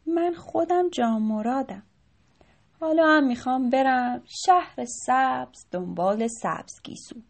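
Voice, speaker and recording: Woman reading a stubborn young hero guy in a bedtime story, firm, defiant, highish voice. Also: vocal fry. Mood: determined.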